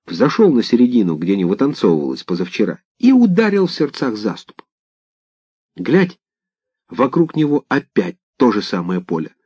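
A man narrating a folk tale in an expressive, dramatic reading. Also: mid-range voice, moderate pace, slightly rough, no echo. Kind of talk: scripted storytelling narration. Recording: dull lo-fi dry recording.

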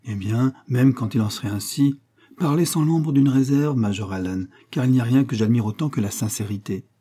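A man voicing a jealous, sharp-tongued middle-aged widow in a storybook reading, speaking shrilly and vehemently. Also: medium pitch, animated, brisk, husky.

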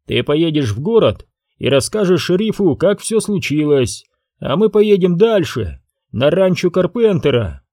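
A man's voice: fairly high pitch, sing-song, unhurried, warm tone, no echo, clean studio sound, pitched above the performer's own voice. A man reading an audiobook, voicing a ruthless, domineering rancher boss who speaks in brusque commands.

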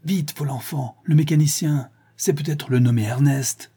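Brief: old veteran police inspector, tense and wary, read by a man, husky, urgent. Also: a little high, normal speed, mellow, pitched above the performer's own voice. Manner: urgent clipped orders.

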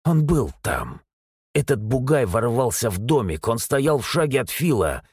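Male audiobook narrator, husky voice, lively intonation, dry close sound. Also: medium pitch, moderate pace, no echo. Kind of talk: scripted narration.

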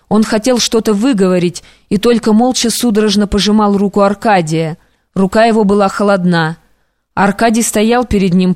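Woman, audiobook narrator, measured reading, dry studio sound. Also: mid-range voice, darkish tone, dry recording. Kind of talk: scripted narration of classic prose.

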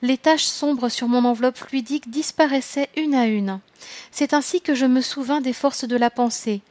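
A woman's voice: sits high, normal speed, a little mellow, no echo. Woman reading a story in a dry, close sound. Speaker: audiobook reader. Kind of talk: scripted first-person narration.

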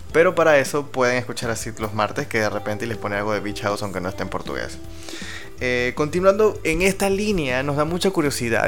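A man's voice: mid-range voice, a bit bright. A man from El Salvador hosting a live-streamed music show, talkative and making joking asides to the listeners. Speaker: radio show host. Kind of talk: live-streamed radio interview talk.

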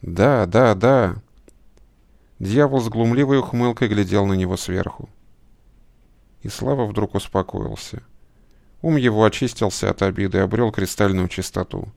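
Low, gravelly male narrator. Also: normal speed, darkish tone, no echo. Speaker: audiobook narrator. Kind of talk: scripted narration.

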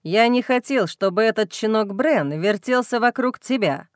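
A woman voicing a young male werewolf alpha, intense and tender, in a lowered, hushed voice for an audiobook. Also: animated, moderate pace, no echo, clean studio sound, lightly acted. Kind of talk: audiobook reading.

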